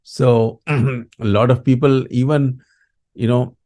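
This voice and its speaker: A man with an Indian accent speaking as a grief coach in an interview, explaining in a halting, reflective way with frequent small tag words. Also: medium pitch, steady tone, warm tone. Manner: halting, reflective, often adds "you know" and "right".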